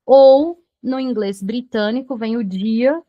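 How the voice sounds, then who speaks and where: A woman's voice: a little high, takes it slowly, no room sound, highs cut off. A Brazilian woman teaching English to beginners, patiently explaining pronunciation and checking in with the learner after every point. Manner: patient, repeats checks like "tá bom?".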